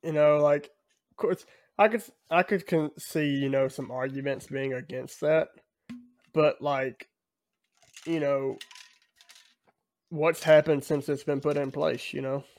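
Man talking haltingly in podcast chat. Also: a little high, steady tone, a little mellow. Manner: halting, leans on fillers like "you know". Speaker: podcast co-host. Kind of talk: casual chat.

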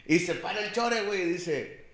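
Young mexican guy, higher voice, spinning a slangy barroom tale in an echoey room. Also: animated, normal speed, a bit bright. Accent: Mexican Spanish. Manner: slangy, peppers every phrase with a filler, acts out voices in quotes. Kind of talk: casual storytelling chat.

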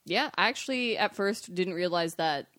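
Lively woman podcast guest. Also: lowish voice, normal speed. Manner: animated, blunt reactions. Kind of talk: casual film discussion.

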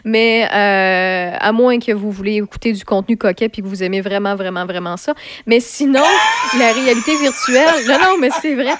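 A woman's voice: mid-range voice, moderate pace, hardly any pauses, slight background noise. A woman with a Quebec French accent hosting a casual radio talk show, chatty and explanatory. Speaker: radio host.

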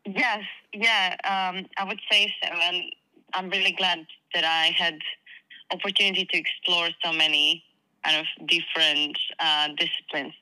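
A woman's voice: on the low side, fairly even intonation, measured pace, sharp tone, clear, resonant tone, low-quality recording. A young woman from Croatia with a Croatian accent, answering interview questions hesitantly with many fillers. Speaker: guest actress. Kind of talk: casual interview chat.

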